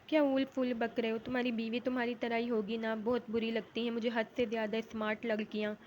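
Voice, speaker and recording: A middle-aged mother, fond of her son yet quick to scold, voiced by a woman reader. Her voice is fairly high and flat. The tone is sharp. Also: slight background noise, lightly acted. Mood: doting. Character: middle-aged mother, doting but angry.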